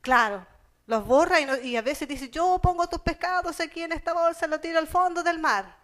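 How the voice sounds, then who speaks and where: Una mujer con acento chileno predicando un sermón, que lee pasajes bíblicos y los explica en palabras sencillas y cercanas. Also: female voice, very high voice, moderate pace, fairly bright tone. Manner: conversational, explains scripture in plain everyday terms; reads Bible passages aloud. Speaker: preacher. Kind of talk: sermon.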